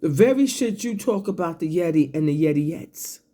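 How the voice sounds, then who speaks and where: Sipping a drink between phrases, coughing and clearing their throat, a person rants online in a hostile, profane way, pulling out each word for emphasis. Their mid-range voice is animated and dark in tone, at normal speed.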